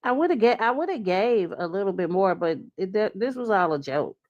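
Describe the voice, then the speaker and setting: A woman's voice: mid-range voice, animated, brisk, a little mellow, highs cut off. A woman co-hosting a casual livestream chat, outspoken and confrontational with callers. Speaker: co-host.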